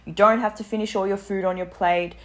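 A woman's voice: medium pitch, steady tone, a little fast, a bit bright. A woman in her twenties talking casually to camera about health, chatty and full of fillers. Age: 20s. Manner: chatty, many fillers and restarts. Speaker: vlogger.

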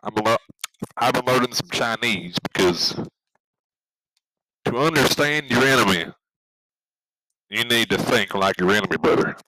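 A man's voice: medium pitch, lively intonation, normal speed, long pauses, bright, forceful tone, a little hiss or hum, rough recording. A man playing a blustering, belligerent macho podcaster in an improvised comedy monologue, rambling and repetitive. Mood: boastful. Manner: repetitive, rambling, swearing bravado.

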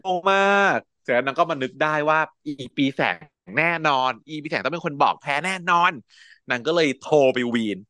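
A man recapping a drama episode as a podcast co-host, casual chat, acting out characters' lines with lively retelling. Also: on the high side, normal speed, no echo, studio quality. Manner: animated retelling, acting out quoted lines, frequent laughs.

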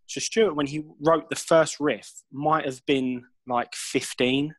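A man's voice: on the high side, steady tone, slow pace, poor audio. A man, a musician guest telling rambling, laugh-filled stories and swearing freely. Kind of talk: casual storytelling interview.

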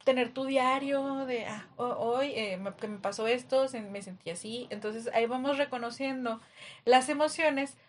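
A woman's voice: a little high, moderate pace, a little hiss or hum. A woman with a Mexican accent in a casual podcast chat, thinking aloud with a lot of hesitation. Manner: hesitant, many fillers and restarts.

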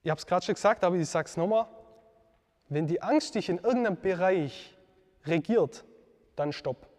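A man giving an earnest devotional teaching talk, reflective, pausing with fillers and correcting himself. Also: sits high, expressive, darkish tone, big-room sound.

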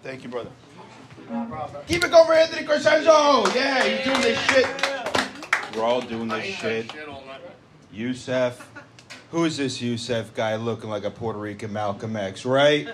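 A man's voice: medium pitch, very animated, measured pace, long pauses, heavy background noise. A man from the United States, a comedian and podcast host, talking in a loose, laid-back way with many fillers and casual swearing.

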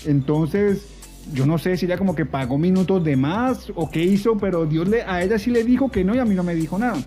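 High-voiced man telling a funny story. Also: fairly quick, mellow, soft background music. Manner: humorous storytelling with playful voices. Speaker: podcast co-host.

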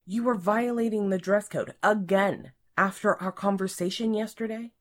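A woman's voice: sits low, animated, measured pace, heavily acted. A woman voicing a haughty, strict office boss lady. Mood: stern. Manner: strict, clipped, scolding.

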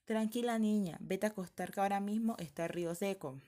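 A kind, unseen spirit speaks from the air in a calm, soothing voice, as a woman storyteller puts it on. The tone is gentle and reassuring, part of a spoken storybook. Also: medium pitch, brisk, natural voice.

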